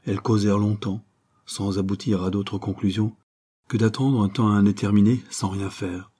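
Deep, husky male audiobook narrator. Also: flat delivery, normal speed, dark tone. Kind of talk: scripted narration.

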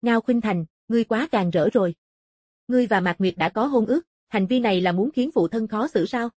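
A woman's voice: on the high side, a little fast, a little mellow, dry recording, studio quality, lightly acted. A woman voicing a hot-tempered young dragon-clan man in an audiobook, harsh and scolding in manner. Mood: angry.

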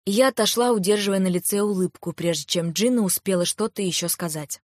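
A woman reading a first-person novel aloud in a calm, even storytelling manner, close to a studio microphone. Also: medium pitch, a little fast, no room sound. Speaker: audiobook narrator. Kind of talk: first-person audiobook narration.

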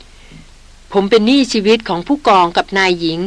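A woman voicing a calm, loyal young male jungle tracker, speaking politely in a Thai audiobook novel. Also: on the high side, a little fast, dry recording, natural voice. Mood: earnest.

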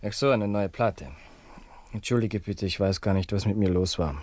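An actor playing a gentle, soft-spoken young man in a radio play. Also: lowish voice, normal speed, noisy background, natural voice.

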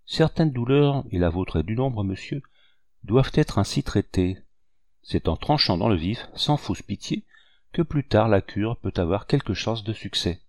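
A man reading the part of a shrewd, good-natured old hunter in an audiobook, speaking with calm assurance. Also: on the low side, measured pace, dry recording, clean studio sound. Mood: assured.

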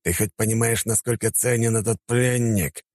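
A man's voice: lowish voice, fairly even intonation, moderate pace, darkish tone, no room sound, voice pushed up, lightly acted. A man reading an audiobook, voicing a stern male army commander who barks orders.

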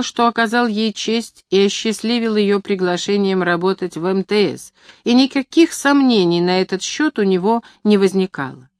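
A woman narrating a novel as an audiobook in a measured, even storytelling manner. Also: mid-range voice, no echo, studio quality. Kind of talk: scripted literary narration.

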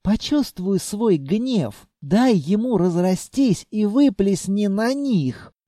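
A man voicing a commanding female spirit of a dark castle, speaking in an imperious, urging manner. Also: sits high, lively intonation, slow, no echo, clean studio sound, pitched above the performer's own voice.

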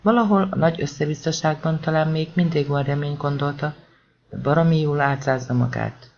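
A man narrating an audiobook in a tense, dramatic way, voicing the shouted lines of the characters himself. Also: on the high side, steady tone, creaky, lo-fi sound.

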